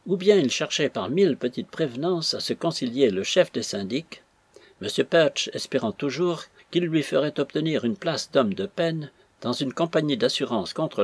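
Man, audiobook narration, husky voice, measured steady reading, dry close sound. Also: medium pitch, dry recording. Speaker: audiobook reader. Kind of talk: scripted narration of a classic novel.

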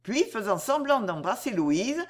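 Woman reading a story aloud, a bit high, lively and measured. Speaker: audiobook narrator.

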